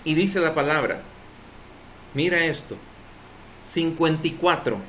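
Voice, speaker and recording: A man's voice: a little high, steady tone, a little slow, a bit bright, a little hiss or hum. A man with a Salvadoran accent preaching a sermon as pastor at a church service, emphatic and drawing responses from the congregation. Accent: Salvadoran Spanish.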